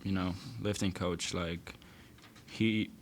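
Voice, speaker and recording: A young college basketball player answering postgame questions casually, sometimes searching for words and restarting. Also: male voice, low voice, steady tone, takes it slowly, slight background noise. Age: young adult. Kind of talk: postgame press conference answers.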